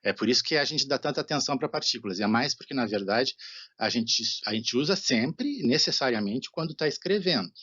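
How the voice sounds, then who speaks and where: A man with a Brazilian Portuguese accent gives a recorded Japanese lecture, explaining patiently, often asking "né?" and slowing down for example phrases. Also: medium pitch, expressive, a bit bright, slightly rough, muffled recording. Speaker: Japanese language teacher.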